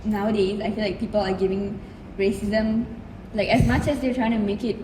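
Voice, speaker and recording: A woman's voice: mid-range voice, level tone, a little fast. A woman guest in a casual chat, explaining her view at length with many fillers. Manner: rambling, filler-laden explanation. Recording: distant, echoey and noisy.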